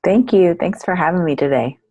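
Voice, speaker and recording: A woman's voice: lowish voice, brisk, warm tone, no echo, lo-fi sound. A middle-aged woman, a nonprofit director, telling her story earnestly as an interview guest.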